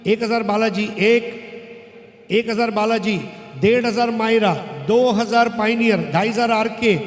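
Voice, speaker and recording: Male auctioneer, very high pitch, repetitive clipped bid-calling chant, reverberant hall sound. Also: fairly even intonation, normal speed. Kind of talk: auctioneer's chant of rising bids at a live auction. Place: large echoing room at a live event. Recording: echoey hall with long reverb.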